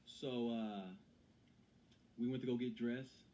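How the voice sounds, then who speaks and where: A man's voice: mid-range voice, little pitch movement, slow, warm tone, slight background noise. A Texan man, a guest in an interview, telling his story and acting out the people he quotes.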